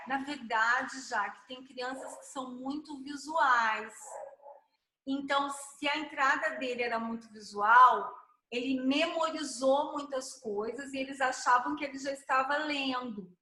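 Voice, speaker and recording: A woman's voice: high-pitched, unhurried, bright, forceful tone, reverberant, low-quality recording. A woman with a Brazilian Portuguese accent explaining literacy teaching methods in an explanatory, patient way, stretching sounds out as she models syllables. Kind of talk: online teaching chat.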